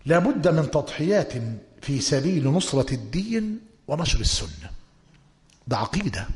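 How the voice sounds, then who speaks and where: A man's voice: fairly high pitch, big pitch swings, normal speed, darkish tone. A man teaching a religious history lesson, dictating points to students and breaking into emphatic exclamations. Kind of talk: lecturing on prophetic history. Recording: long hall reverb.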